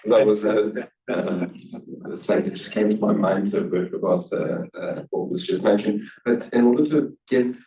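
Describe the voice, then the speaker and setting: A man's voice: lowish voice, moderate pace, mellow, slight background noise. A man speaking on a conference panel, hesitant with many fillers. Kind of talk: panel discussion. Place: conference room. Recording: roomy hall audio from a distance.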